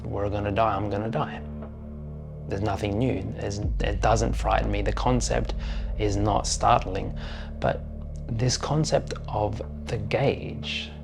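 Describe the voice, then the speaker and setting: A man, musing slowly and thoughtfully in a personal vlog monologue. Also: fairly low pitch, vocal fry. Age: 40s. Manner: slow, thoughtful, pausing often. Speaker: vlogger.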